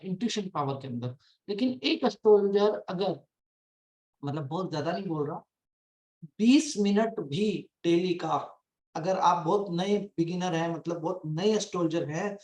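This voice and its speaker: A man, a life coach, giving an explanatory spiritual talk, emphatic and answering his own rhetorical questions. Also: high voice. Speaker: life coach and meditation teacher. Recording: echoey room.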